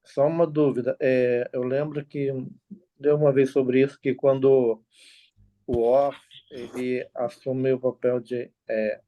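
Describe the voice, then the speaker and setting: Hesitant student on a dull call line. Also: medium pitch. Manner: hesitant, searching for words. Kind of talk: asking questions in an online class.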